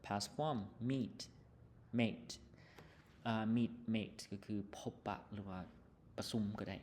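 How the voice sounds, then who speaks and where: A male teacher with a Lao accent explaining an English textbook lesson, reading English words slowly, then explaining them quickly with many fillers. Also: fairly low pitch, darkish tone, slight background noise.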